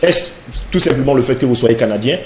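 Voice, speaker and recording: A man's voice: mid-range voice, expressive, brisk, echoey room, noisy background. A man interviewing a guest on TV, asking long, probing, formal questions.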